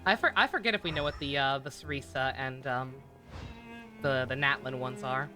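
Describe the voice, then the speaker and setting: Over game music, a man with a medium-pitched, sharp-toned voice talks at a moderate pace during his livestream. His commentary on the gameplay is relaxed and rambling, full of hesitations and thoughts left unfinished.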